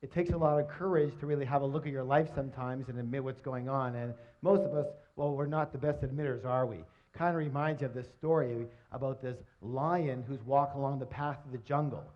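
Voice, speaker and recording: A middle-aged man giving a live motivational seminar on stage, energetic and quizzing his audience, on a dull lo-fi recording. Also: medium pitch, fairly quick, hardly any pauses. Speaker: seminar presenter.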